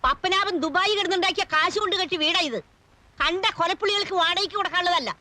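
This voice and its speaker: A woman's voice: extremely high pitch, fast, sharp tone, no echo. An actress playing a feisty old grandmother and landlady in a 1980s film drama, commanding and scolding. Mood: indignant. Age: older. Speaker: grandmother who owns the house.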